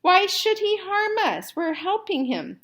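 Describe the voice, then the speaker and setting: A woman's voice: very high voice, very animated, a little slow, fairly bright tone, voice pushed up, heavily acted. A woman reading a storybook as a trusting but anxious female mouse, earnest and questioning. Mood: reassuring.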